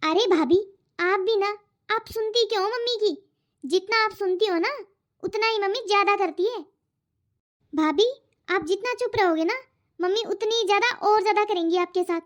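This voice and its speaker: In cartoon voice acting, a woman plays an outspoken, spirited young unmarried daughter who argues and protests. Her voice is extremely high-pitched at a normal speed, and the lo-fi recording sounds dull.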